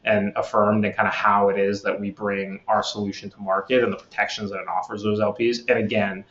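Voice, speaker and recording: Low-voiced man explaining at length. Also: little pitch movement, fairly bright tone, roomy sound, muffled recording. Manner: measured, with many fillers and restarts. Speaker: guest, platform executive. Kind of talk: podcast interview answers.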